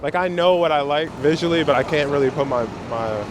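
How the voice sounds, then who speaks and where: This man, a Brooklyn photographer giving an interview, keeps things conversational and full of slang while standing on a city street. His voice is on the high side and brisk, with city traffic audible in an otherwise clear recording.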